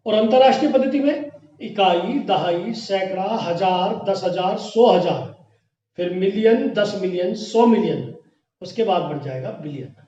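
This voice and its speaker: Man, Rajasthani Hindi accent, maths lecture, slow and deliberate, very echoey classroom, far from the mic. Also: high-pitched, warm tone, dull audio. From India. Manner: slow, deliberate, counting place values aloud. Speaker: math teacher.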